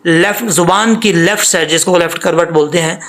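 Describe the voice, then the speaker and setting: A man with a fairly high voice and a Pakistani Urdu accent teaches Quran recitation. He explains patiently and repeats, stretching each demonstration syllable slowly. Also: fairly bright tone. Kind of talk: tajweed lesson, explaining and demonstrating pronunciation.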